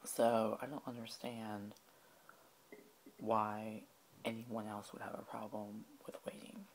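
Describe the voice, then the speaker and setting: Soft-spoken tipsy man rambling. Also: on the low side, level tone, slow, a little hiss or hum. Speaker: ASMR creator. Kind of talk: soft-spoken ASMR storytelling.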